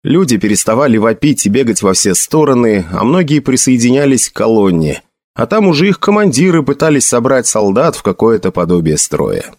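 Lively male audiobook narrator. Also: mid-range voice, fairly quick, no room sound. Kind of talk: scripted narration.

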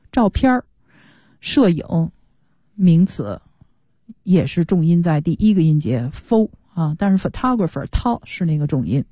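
A woman gives a radio English lesson from a studio, patiently explaining each word and mixing English terms into her talk. Her voice sits a little low and sounds mellow. The sound is dry and close. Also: no room sound. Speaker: English teacher.

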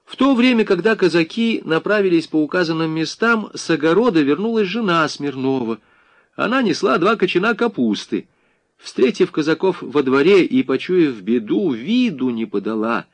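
A man narrating an audiobook in an expressive, dramatic reading. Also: on the high side, normal speed, no echo.

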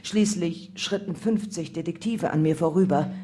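Calm woman reading a memoir. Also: fairly low pitch, moderate pace. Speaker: audiobook reader. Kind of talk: scripted first-person memoir narration.

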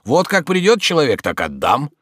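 A man voicing a gruff, stubborn old male servant in an audiobook reading, hoarse and curt. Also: fairly high pitch, huge pitch swings, moderate pace, a bit bright, dry recording, clean studio sound, pitched above the performer's own voice, full character voice. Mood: unflappable. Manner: unflappable, curt.

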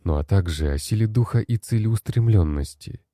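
Deep dark-voiced male narrator. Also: expressive, normal speed, no room sound, studio quality. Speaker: audiobook narrator. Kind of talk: first-person story narration.

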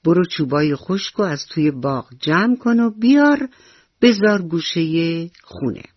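Woman doing a gentle mother mouse. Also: fairly low pitch, animated, no echo. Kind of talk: radio bedtime story. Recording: dull lo-fi radio recording.

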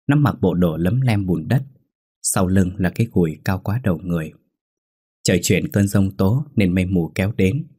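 A man narrating a ghost story in a steady, brisk storytelling manner. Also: deep voice, slightly rough. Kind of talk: scripted horror story narration.

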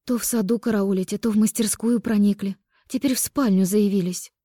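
A woman's voice: medium pitch, steady tone, brisk, dark tone, no echo, studio quality, pitched above the performer's own voice, lightly acted. A woman voicing a defiant young fairy woman in an audiobook, with a raised, tense, protesting voice.

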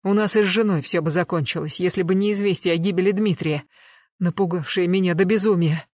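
A man's voice: high voice, fairly even intonation, brisk, a little mellow, no room sound, studio quality, close to an everyday voice. A reader voicing a desperate man in his fifties who passionately swears his innocence in audiobook dialogue. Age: 50s. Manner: passionate, emotional. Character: desperate fifty-year-old husband swearing innocence.

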